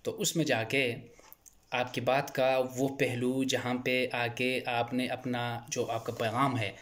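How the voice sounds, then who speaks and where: A man in a mid register gives an earnest, explanatory advice talk as a channel host. He circles back and repeats words as he builds his points, and his pitch lifts when he leans into an idea. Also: level tone, slow pace, a bit bright. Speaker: channel host speaking on stammering.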